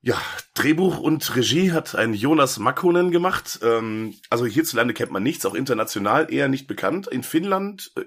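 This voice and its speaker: Sick with a cold, the male host of a horror movie podcast keeps things casual and jokey. His voice sits at medium pitch, a bit bright and slightly rough, and his speech is full of fillers and restarts.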